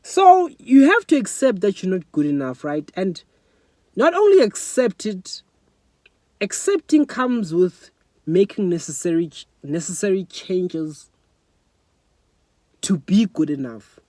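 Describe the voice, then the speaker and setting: A man's voice: sits high, big pitch swings, a little slow, pauses often, darkish tone, no room sound. A young man from South Africa talking earnestly and emotionally to his phone camera in a personal vlog, often asking "you know what I'm saying". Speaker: vlogger. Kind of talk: personal reflective monologue. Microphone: phone front camera.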